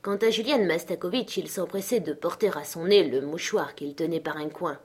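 A woman narrates a literary audiobook with measured, expressive pacing. Her voice is fairly low and has a husky, breathy grain. She tells the story in a steady reading tone.

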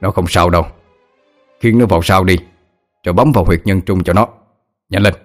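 Man playing a stern old exorcist, gruff, commanding, low voice, storybook. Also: a little fast, soft background music, lightly acted. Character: stern old male exorcist near sixty.

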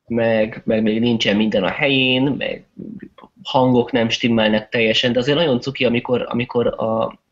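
A man's voice: medium pitch, steady tone. Guy gushing about a game on a podcast, stumbles a bit, muffled audio. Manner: enthusiastic, chatty, hesitant restarts. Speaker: podcast co-host. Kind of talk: casual chat. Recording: dull lo-fi recording.

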